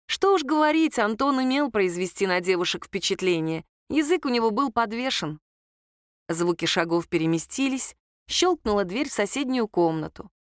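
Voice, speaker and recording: Brief: woman audiobook narrator, expressive, mid pitch, dry close sound. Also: clean tone, dry recording.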